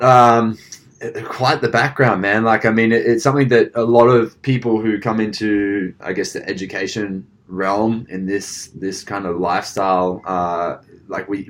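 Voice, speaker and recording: A man with an Australian accent hosting a podcast, chatting casually with a laid-back, rambling manner. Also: fairly low pitch. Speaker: podcast host. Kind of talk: casual interview chat.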